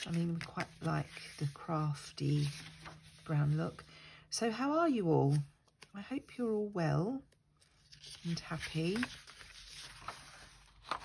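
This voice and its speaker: A gravelly, lowish voice belongs to an older woman who's congested from a lingering cold and chatting casually while she crafts. Her talk is rambling and self-deprecating, part of an informal tutorial at an indoor craft table. An overhead camera above the craft mat records her, with background noise.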